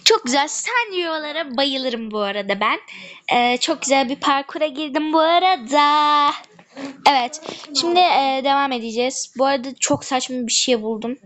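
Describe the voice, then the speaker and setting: High-voiced chatty female gamer. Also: animated, normal speed, a bit bright. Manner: chatty, gossipy, complaining asides. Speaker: gaming YouTuber. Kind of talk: casual gameplay chat.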